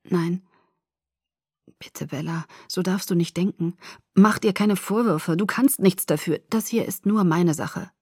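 Woman reading as a brooding young guy, quiet and low, husky and dry, sounds hurt. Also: unhurried, no room sound. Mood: pleading. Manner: low, subdued and hushed, at times murmured. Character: brooding, pained young man pushing a friend away.

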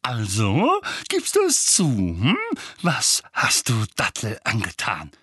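A man's voice: mid-range voice, animated, slow pace, creaky, fairly bright tone, slightly rough, no room sound, clean studio sound, full character voice. A man playing an enraged, bullying middle-aged uncle who bellows and snarls in an audiobook reading. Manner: bellowing, spitting rage.

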